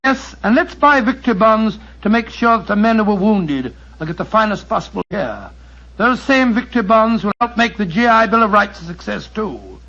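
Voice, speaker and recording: Doctor Watson, a genial bluff doctor. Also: male voice, sits high, lively intonation, moderate pace, bright, forceful tone, heavily acted. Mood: earnest. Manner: hesitant, chatty, then earnest and appealing. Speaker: storyteller giving a closing appeal. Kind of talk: 1940s radio acting. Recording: lo-fi 1940s radio broadcast.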